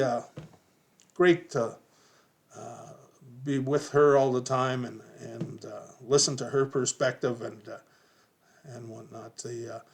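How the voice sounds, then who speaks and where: Rambling older man swapping stories. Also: mid-range voice. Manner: rambling, swears casually, chuckles often. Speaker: former ballplayer reminiscing. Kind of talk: casual storytelling.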